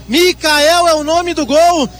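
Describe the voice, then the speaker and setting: Very high-pitched Brazilian male football reporter. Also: steady tone, slow pace, a bit bright. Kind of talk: excited match commentary recapping play.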